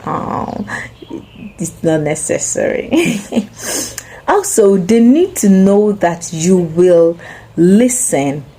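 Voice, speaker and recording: A young woman hosting a parenting channel, giving earnest, gentle advice straight to parents. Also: on the low side, lively intonation, drawn-out words, pauses often, slightly rough, low-quality recording. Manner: earnest, gentle and advising, addressing parents directly. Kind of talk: spoken parenting advice to camera.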